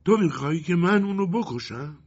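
A man voicing a sly, menacing male wind spirit in a storybook reading, with a husky voice and an insinuating delivery. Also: on the high side, lively intonation, voice pushed up. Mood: sly menace. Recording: dull lo-fi recording.

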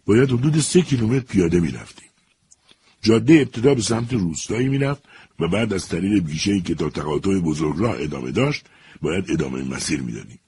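A man with a very low, deep voice reads a story aloud in a measured, even way. His narration is steady and deliberate. A faint hiss runs beneath the recording.

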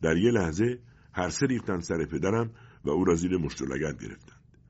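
A man narrating a story in a steady, grave storytelling manner, with a muffled recording. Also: low voice, husky. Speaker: audiobook narrator.

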